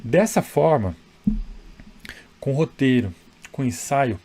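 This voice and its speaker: A man's voice: medium pitch, expressive, slow pace, a little mellow, a little hiss or hum. A man coaching public speaking straight to the camera, chatty and emphatic, often checking in with the viewer. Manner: conversational, tag questions, emphatic. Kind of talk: direct-to-camera advice.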